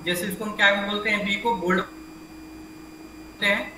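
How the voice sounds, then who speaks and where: A man's voice: high-pitched, steady tone, a little slow, noisy background. Echoey male computer teacher. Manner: explains step by step, asks students questions, repeats "ठीक है". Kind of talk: online class teaching. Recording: echoey room mic from a distance.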